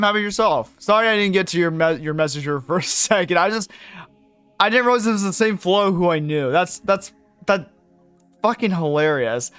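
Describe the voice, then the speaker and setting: A man's voice: fairly high pitch, fairly bright tone, smooth, dry recording. A young man streaming live, chatting casually with viewers in a rambling way, cursing freely and laughing often.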